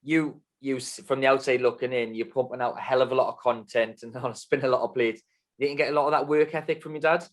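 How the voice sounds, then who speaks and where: A man's voice: mid-range voice, fairly even intonation, fast. A man hosting an interview in a casual, friendly way who jumps in with questions. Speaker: podcast host.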